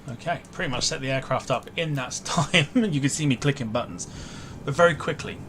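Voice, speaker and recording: A man's voice: mid-range voice, fairly quick. A man hosting a flight sim livestream in casual, informal chat, talking to his viewers. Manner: chatty, informal, greeting viewers by name. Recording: livestream with clear background noise.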